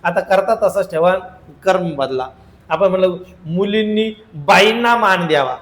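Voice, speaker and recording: Male teacher, slightly high voice, drills answers in repeated lists, echoey room. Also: measured pace, fairly bright tone. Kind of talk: exam-prep grammar lesson.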